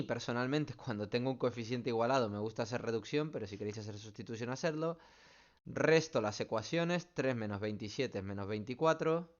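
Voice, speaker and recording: Guy teaching math over a video call, patient, keeps checking everyone follows, bit muffled audio. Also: medium pitch. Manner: patient, explains step by step, keeps checking with "¿vale?". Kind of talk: online class solving student questions.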